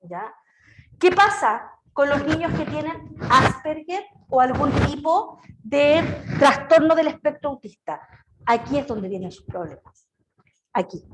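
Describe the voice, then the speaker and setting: Chatty Chilean teacher, high voice. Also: female voice, measured pace, background noise. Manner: lively, chatty, asks "¿ya?" and "¿cierto?" often. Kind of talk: online class lecture. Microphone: video call.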